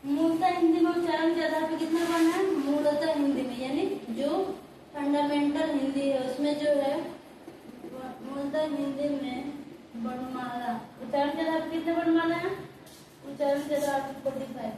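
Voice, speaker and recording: High-pitched woman teacher drilling a class by question and answer, picked up from across a noisy, echoing room. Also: steady tone, fairly quick. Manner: asks questions and answers them herself, repeating key terms. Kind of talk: classroom grammar lesson. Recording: echoey room from far off, noisy.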